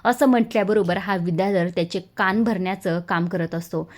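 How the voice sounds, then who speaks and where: A woman's voice: mid-range voice, brisk, darkish tone. A woman narrating a recap of a television serial episode, retelling the scenes and reading out the characters' dialogue. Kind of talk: scripted storytelling recap.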